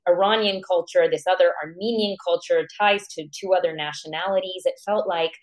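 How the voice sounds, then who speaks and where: Born in Iran and raised in America, a woman psychologist appears as a guest, reflecting on her life through personal storytelling and thinking aloud with questions to herself. She speaks briskly in a fairly low voice with fairly even intonation.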